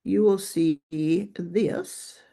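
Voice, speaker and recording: A woman with a lowish, gravelly, warm voice draws out her words as she hosts a casual livestream. Chatty and supportive, she coaches on business, giving feedback and thinking aloud as she goes.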